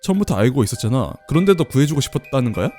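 A man's voice: mid-range voice, sing-song, very fast, darkish tone, faint music behind, lightly acted. A man voicing a mocking cursed doll, reading its game lines in a cold, taunting way.

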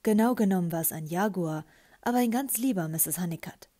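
A woman's voice: lowish voice, moderate pace, dark tone, lightly acted. A woman voicing a young man who speaks in a soothing, hypnotic tone.

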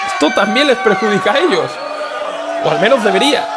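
A male wrestling commentator with a very high raised voice. He shouts his remarks through heavy noise and a loud crowd. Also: very animated, brisk. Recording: noisy venue with loud crowd.

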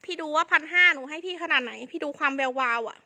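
A woman doing fast hype live selling as an online clothing seller, with insistent, repetitive sales patter. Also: high-pitched, bright, forceful tone.

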